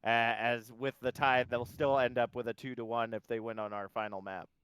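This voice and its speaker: A man's voice: medium pitch, little pitch movement, a little fast, a bit bright, clean tone, no room sound, poor audio. Chatty male esports caster. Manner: chatty, hesitant fillers. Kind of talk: live play-by-play commentary.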